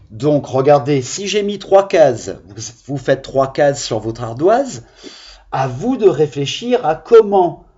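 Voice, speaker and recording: A man's voice: a little high, dark tone, lo-fi sound. A male primary school teacher giving a video phonics lesson to young children, patiently sounding out syllables.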